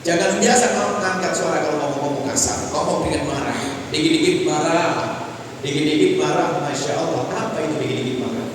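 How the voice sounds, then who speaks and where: A man preaching a lively sermon in a large mosque, teasing and acting out short dialogues. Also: on the high side, a little fast. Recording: echoey hall from far off with room noise.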